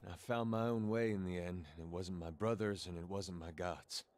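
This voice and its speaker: An actor playing a weary grown soldier in video game dialogue, speaking quietly and plainly as he reflects on his dead brother. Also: low voice, moderate pace, a little hiss or hum, natural voice. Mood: somber. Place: game audio captured in a gameplay recording.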